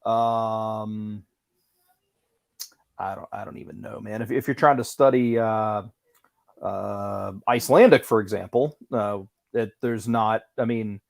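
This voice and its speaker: A man who is a guest on a livestream, talking in quick, animated bursts full of fillers. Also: lowish voice, creaky, no echo, clean studio sound. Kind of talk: casual livestream chat.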